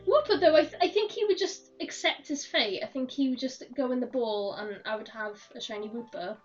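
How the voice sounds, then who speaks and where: A woman streaming a game, chatting in a rambling way with frequent laughs while her voice is hoarse and croaky. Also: fairly high pitch, a little fast, few pauses, faint music behind. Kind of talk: casual chat while gaming. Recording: dull, slightly distant mic.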